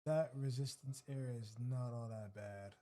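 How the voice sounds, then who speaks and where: Man, livestream trading host, casual slangy commentary, warm mellow voice. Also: mid-range voice, normal speed. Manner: casual and slangy, talking to chat. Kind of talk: live commentary while trading.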